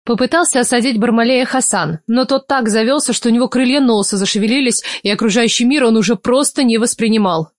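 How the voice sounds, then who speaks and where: A woman's voice: on the high side, quick pace, hardly any pauses, no room sound, clean studio sound. A woman narrating a novel in the first person, reading expressively with emotion. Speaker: audiobook narrator.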